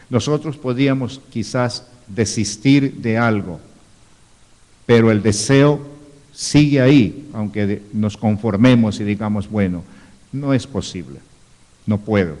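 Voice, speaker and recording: This Ecuadorian man, lowish and dark in tone, delivers a sermon as a pastor, reading Bible passages aloud and sprinkling in rhetorical asides. The live stream comes from a church hall with plenty of reverb.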